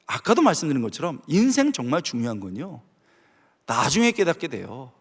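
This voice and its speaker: A man's voice: on the high side, sing-song, fairly quick, breathy edge, in a large hall. A middle-aged man preaching a sermon as pastor, telling family stories with animation and acting out their voices.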